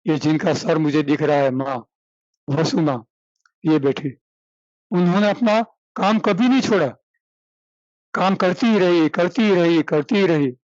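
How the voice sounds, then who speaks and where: A man's voice: on the high side, measured pace, long pauses, darkish tone, dry recording, muffled recording. A male spiritual teacher giving a devotional sermon, repeating phrases, chanting verses and fondly calling his listeners child. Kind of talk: devotional sermon to a seated audience.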